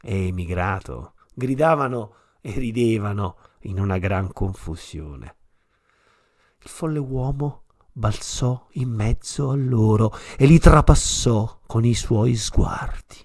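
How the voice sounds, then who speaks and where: A man giving a recorded philosophy lecture as teacher, measured and reflective. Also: medium pitch, animated, darkish tone.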